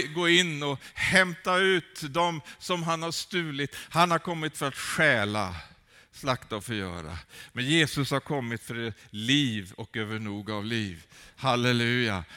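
A man's voice: mid-range voice, bright, forceful tone. A man preaching a sermon with fervent, rising calls and many hesitant fillers.

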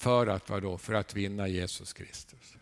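A man preaching a sermon, animated, asking his listeners rhetorical questions and adding a questioning "eh?" to his lines. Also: lowish voice, vocal fry. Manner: animated storytelling with sudden rises in volume.

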